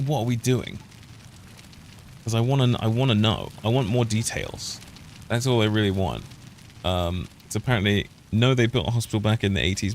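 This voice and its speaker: A British man from the United Kingdom streams a game, offering rambling, opinionated commentary that keeps trailing off and restarting. His voice is on the low side, with slight background noise.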